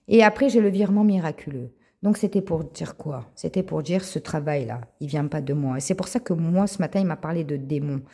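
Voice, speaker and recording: Low husky woman giving a testimony. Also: brisk, few pauses. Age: adult with a child. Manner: animated, repeats words, addresses listeners as friends; retells dialogue in quoted voices. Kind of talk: spoken personal testimony to viewers.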